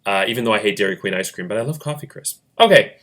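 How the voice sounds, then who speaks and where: A man narrates a board-game round play by play in a chatty, joking way. His pitch jumps around a lot as he talks, and his voice has a bright, forceful edge. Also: expressive, quick pace. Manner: chatty, jokey asides, laughs often. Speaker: host running a fan game.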